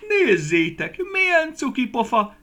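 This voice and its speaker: A man's voice: on the low side, huge pitch swings, sharp tone, exaggerated voice. A man voicing a fat, motherly peach lady who is chatty and welcoming, in a storybook reading. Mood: delighted. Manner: friendly, chatty, gushing.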